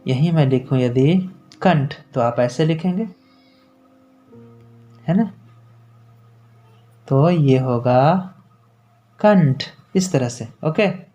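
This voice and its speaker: A man teaching letter sounds slowly and clearly, stretching syllables and often checking that viewers follow. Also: on the high side, animated, warm tone, highs cut off, faint music behind. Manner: slow, drawn-out syllables, frequent check-ins with the viewer. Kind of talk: pronunciation lesson for children.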